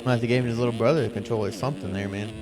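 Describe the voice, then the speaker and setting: A man's voice: medium pitch, steady tone, rapid-fire, over music, rough recording. A man giving live motorsport race commentary in an informal, conversational play-by-play style.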